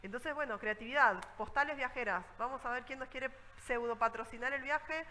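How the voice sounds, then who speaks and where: Una mujer con acento rioplatense que da una charla de viajes y cuenta anécdotas con viveza, imitando a la gente de sus historias. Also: female voice, high-pitched, normal speed, in a large hall, a little hiss or hum, rough recording. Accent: Rioplatense Spanish. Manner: lively storytelling, acts out scenes. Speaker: travel speaker. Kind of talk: conference talk with anecdotes.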